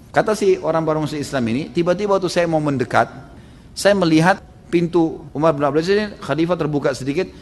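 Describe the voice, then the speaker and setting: Man preaching a story in a reverberant hall. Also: fairly high pitch. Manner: animated storytelling, voicing quoted figures. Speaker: Islamic preacher. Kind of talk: sermon storytelling.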